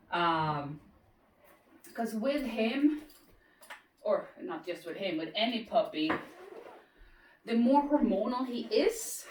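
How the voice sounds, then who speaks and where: A woman dog trainer explains her method in a loose, casual way and keeps cutting in with quick praise and commands for the dog. She sounds set back from the mic in a roomy space. A faint noise hangs under her voice. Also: medium pitch, far from the mic. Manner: explains while breaking off to praise and cue the dog.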